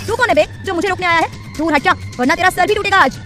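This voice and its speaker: A hot-headed young college girl talks in a brash, slangy, dramatic way, as a woman acts her out. Her voice sits high and her words tumble out fast. Faint music plays under an audio story. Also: sharp tone. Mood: defiant.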